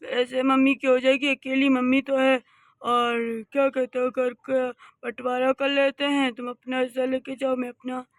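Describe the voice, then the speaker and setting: A voice actor playing two grasping grown sons in a cartoon story, wheedling and pushy. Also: female voice, high voice, flat delivery, moderate pace, no room sound, clean studio sound. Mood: scheming. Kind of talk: cartoon voice acting.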